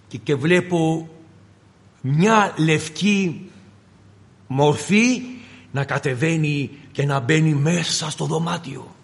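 High-voiced man preaching in echoing hall. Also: a bit bright. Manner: dramatic storytelling with pauses and repetition. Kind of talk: sermon with personal testimony. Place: meeting hall. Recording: long reverb in a hall.

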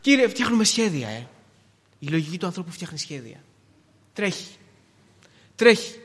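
A man around forty preaching a sermon, swinging between hushed words and loud emphatic pleas, repeating phrases with many filler "eh"s. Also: high voice, big pitch swings, breathy edge, in a large hall.

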